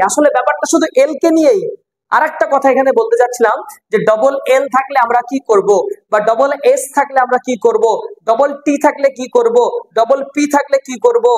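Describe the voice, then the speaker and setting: A woman teaching English reading, explaining slowly, repeating words and spelling them out letter by letter, with some English phrases mixed in. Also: on the high side, low-quality recording. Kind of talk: explanatory online lesson.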